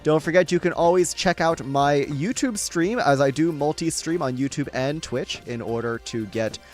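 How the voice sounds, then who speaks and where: A man's voice: a little high, moderate pace, a little mellow, faint music behind. A man livestreaming a game, chatting with viewers in jokey, rambling banter. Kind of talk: live gameplay commentary.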